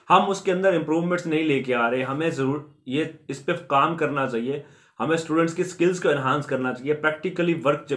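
A Pakistani man hosts an education channel on YouTube, speaking in a fairly high, slightly bright voice. He explains things to his viewers earnestly and repetitively, sprinkling in lots of English terms.

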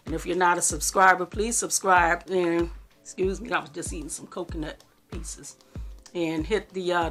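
Rambling low-voiced woman home vlogger. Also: fairly bright tone. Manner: rambling, homey and affectionate with viewers. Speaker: cooking vlogger. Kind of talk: casual home vlog chat. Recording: faint background music.

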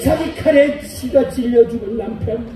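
High-voiced Korean stage narrator, echoey. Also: male voice, moderate pace, loud music behind the voice, a loud crowd. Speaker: byeonsa narrator of silent-film style stage play. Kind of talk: theatrical live stage narration. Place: outdoor festival stage. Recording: echoey outdoor PA sound from far off.

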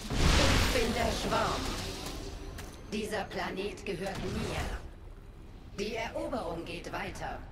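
Amid loud battle noise, an actress voices a ruthless queen of an alien swarm. She speaks slowly and with commanding menace, as a vengeful video game ruler heard at some distance. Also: medium pitch, close to an everyday voice. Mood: cold menace. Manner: commanding, menacing, measured delivery. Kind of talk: video game unit voice lines.

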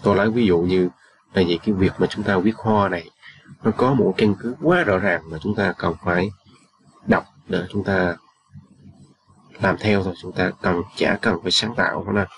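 A man's voice: low-pitched, moderate pace. A man explaining a writing rule in a loose, casual way, full of fillers and often checking "right?" with listeners. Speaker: channel host, engineer.

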